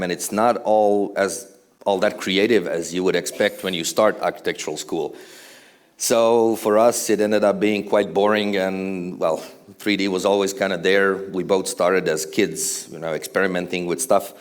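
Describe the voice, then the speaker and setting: Deep-voiced man giving a talk. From Croatia. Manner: casual, conversational, with frequent fillers and dry humor. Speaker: conference speaker, architectural visualization studio co-owner. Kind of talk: conference presentation. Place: stage before a large live audience.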